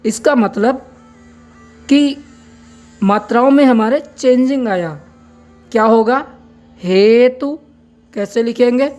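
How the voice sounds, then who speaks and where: Casting: woman teacher, higher voice, very slow and patient, faint music underneath. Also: darkish tone. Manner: patient, spells words out and explains step by step. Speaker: braille teacher. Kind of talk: slow spoken lesson.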